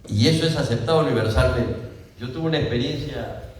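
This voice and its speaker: An older man from Peru with a Peruvian Spanish accent, giving a formal laudatory speech at a ceremony in a measured way and correcting himself now and then. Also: medium pitch, a little hiss or hum. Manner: measured, with self-corrections and asides. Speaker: ceremony speaker. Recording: distant mic in a reverberant hall.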